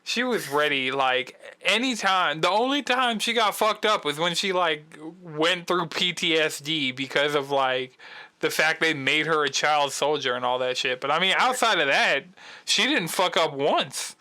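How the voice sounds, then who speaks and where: A young man co-hosting a podcast in relaxed casual chat, laughing through his stories. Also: a little high, unhurried. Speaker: podcast co-host.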